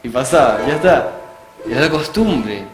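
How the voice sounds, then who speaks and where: A man with a Chilean accent hosting a casual radio chat, telling rambling anecdotes in a relaxed, chuckling way. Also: mid-range voice, moderate pace. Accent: Chilean Spanish. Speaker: radio show host. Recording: echoey room with music behind.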